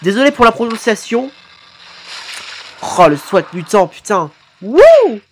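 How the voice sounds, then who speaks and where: A man commenting live on videos his subscribers made, excitable and quick to exclaim and swear. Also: high voice. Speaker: YouTuber reacting to fan animations.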